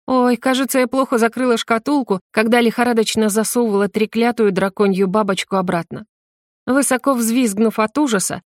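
A woman reading a first-person fantasy novel aloud in a steady, clear storytelling manner. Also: on the high side, no echo, clean studio sound. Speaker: audiobook narrator.

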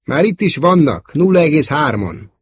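A man's voice: medium pitch, fairly even intonation, dark tone, breathy edge, dry recording, voice pushed up, lightly acted. A man voicing a worried, cautious young male wingman pilot who reports tensely. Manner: anxious reports.

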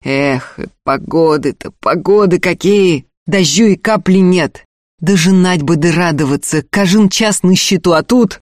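A man reading an audiobook, voicing a stern, hot-tempered older peasant father who scolds in loud bursts. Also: high-pitched, measured pace, no room sound, clean studio sound. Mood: scolding.

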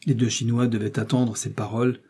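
A man reading an adventure novel aloud as narrator, in a measured, dramatic storytelling manner. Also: medium pitch, flat delivery, warm tone, slightly rough. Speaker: audiobook reader. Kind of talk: scripted narration.

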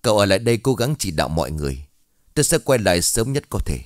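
A young police officer speaks quickly and politely, in a hurry to leave. A male narrator plays him. His voice is low and dry. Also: sing-song, no echo. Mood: hurried.

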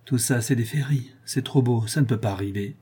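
A man reading aloud and voicing a rough, outspoken working-class woman in an audiobook. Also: medium pitch, fairly quick, warm tone, lightly acted. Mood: blunt. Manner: gruff and outspoken.

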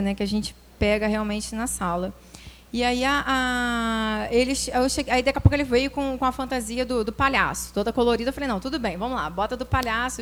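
A woman, a preschool teacher, telling a personal classroom story in an animated way, acting out quoted voices and using religious phrasing. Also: sits high. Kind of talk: personal testimony talk.

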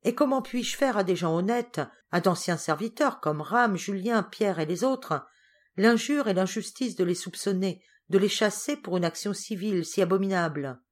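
A woman's voice: on the low side, expressive, moderate pace. A woman voicing an agitated, indignant older uncle in an audiobook. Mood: angry. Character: angry stern older uncle, a man.

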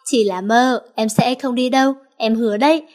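A woman voicing a young heroine who is cold and deadly with enemies but soft and pleading with her lover. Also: on the high side, normal speed, natural voice.

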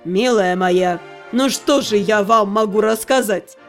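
A woman voicing a calm, genial older king with a measured, gently patronizing manner. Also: medium pitch, soft background music, pitched below the performer's own voice, close to an everyday voice.

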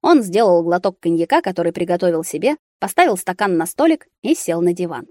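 A woman narrating an audiobook in a steady, expressive reading. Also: on the low side, a little fast, dry recording, studio quality.

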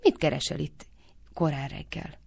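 Brief: woman voicing dim, grumbling young man, low gravelly tone, storybook. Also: fairly even intonation, darkish tone, no echo, studio quality, exaggerated voice. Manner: complaining, slow on the uptake. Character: dim-witted young cowherd husband, grumbling.

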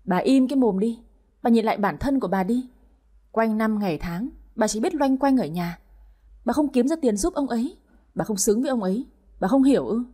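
Brief: woman doing a pushy young mistress, higher and sharp-tongued, husky tone. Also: expressive, brisk. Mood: rude. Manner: shrill, rude, tearful pleading. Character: young scheming female mistress, shrill and tearful.

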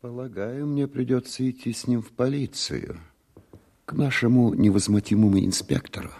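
A man voicing a reserved, doubtful gentleman lawyer in an audiobook, in a hushed, understated manner. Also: mid-range voice, normal speed, close to an everyday voice. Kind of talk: dramatized audiobook reading.

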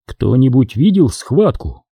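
A man's voice: mid-range voice, big pitch swings, unhurried, creaky, mellow, slightly rough, no echo, clean studio sound, exaggerated voice. A man reading an audiobook, voicing a cruel, imperious male Sith lord who gives orders. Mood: commanding. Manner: imperious, commanding.

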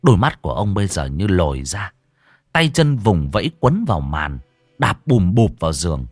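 Male horror storyteller, huge pitch swings, dry close sound, soft music underneath. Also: normal speed, dry recording. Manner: dramatic, expressive storytelling. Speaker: narrator. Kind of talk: ghost story narration.

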